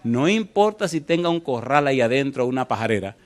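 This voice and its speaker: A man preaching a sermon and telling a story from the pulpit. He moves from hushed, tender passages to sudden loud cries. He often turns to the congregation with direct questions. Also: medium pitch, big pitch swings, fast. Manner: storytelling preacher, swings from soft to loud exclamations. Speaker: pastor.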